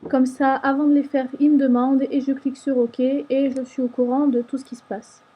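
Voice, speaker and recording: Woman voice-over for a screen tutorial, high and husky, patient walkthrough, dull lo-fi mic. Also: level tone, normal speed. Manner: patient step-by-step explaining. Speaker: tutorial maker. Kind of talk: screen-recorded software tutorial.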